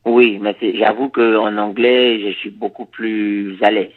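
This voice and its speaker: A reggae man from Suriname, Dutch by mother tongue, gives thoughtful, stop-start interview answers full of repetition. His voice sits on the low side and his tone stays steady, while the audio comes through narrow and tinny.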